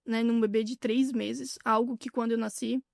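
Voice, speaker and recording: A woman with a Brazilian Portuguese accent, speaking candidly as an interview guest, with halting restarts. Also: on the high side, little pitch movement, vocal fry, a little mellow, no room sound, studio quality. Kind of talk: casual interview chat.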